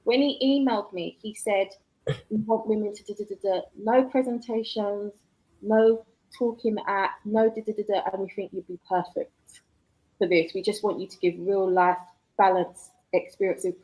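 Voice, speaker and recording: A woman's voice: medium pitch, steady tone, moderate pace, a little mellow, poor audio. A woman, chatting casually as a guest author, reflective and laughing often. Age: 40s. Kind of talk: casual live chat.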